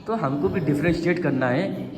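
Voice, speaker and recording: A man's voice: on the high side, echoey room, big-room sound, background noise. A male Quran reading teacher giving a classroom lesson, patiently coaxing answers from his students with questions.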